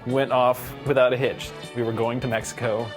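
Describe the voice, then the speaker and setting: A man recalling his honeymoon in an interview, speaking hesitantly with halting fillers. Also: medium pitch, flat delivery, soft background music. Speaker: guest, the groom. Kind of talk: casual interview recollection.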